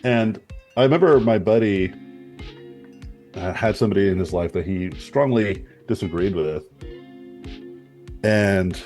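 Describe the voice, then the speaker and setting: Low-voiced man musing in a group chat. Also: unhurried, pauses often, a little mellow, faint music behind. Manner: rambling and reflective, with casual swearing. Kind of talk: casual group discussion.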